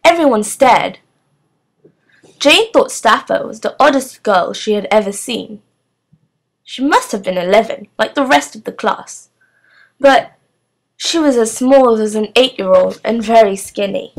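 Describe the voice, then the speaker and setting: A woman reading a children's novel aloud in a steady, clear storytelling manner. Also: fairly high pitch, a little slow, pauses often. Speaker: storybook reader.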